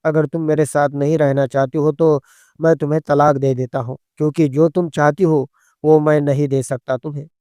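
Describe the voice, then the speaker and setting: A man voicing an impatient young husband who scolds in a hurried, hushed way within a story reading. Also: on the high side, little pitch movement, smooth, no echo, studio quality, natural voice. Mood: scolding.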